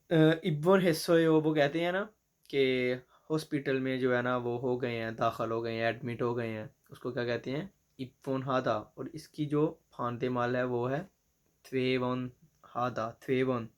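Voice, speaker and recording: A man leads a slow vocabulary lesson, lingering over each word and saying it again and again. He adds quick English glosses and stops to fix his own slips. His pitch sits in an ordinary middle range. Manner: self-corrects with restarts and fillers. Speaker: language teacher.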